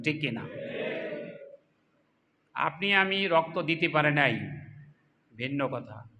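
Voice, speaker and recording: A man giving a fiery political sermon to a crowd, asking rhetorical questions and swinging between loud cries and low asides. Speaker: Islamic political speaker.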